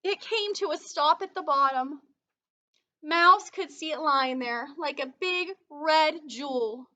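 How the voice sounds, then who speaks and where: In a teacherly way, a woman reads a children's story aloud expressively, pausing for asides and questions to her young listeners. Her high-pitched voice is bright and forceful, and she takes it slowly.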